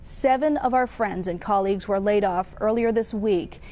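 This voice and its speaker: A woman's voice: mid-range voice, moderate pace, mellow. An American woman news anchor speaking on air in an emotional, tearful farewell. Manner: emotional, tearful goodbye delivery. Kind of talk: on-air farewell to laid-off coworkers. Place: TV news studio at the desk.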